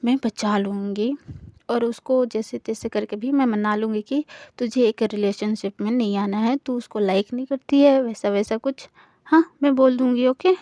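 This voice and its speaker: A woman voicing a young woman who calms and reassures her best friend. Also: a little high, moderate pace, no room sound, natural voice. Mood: reassuring.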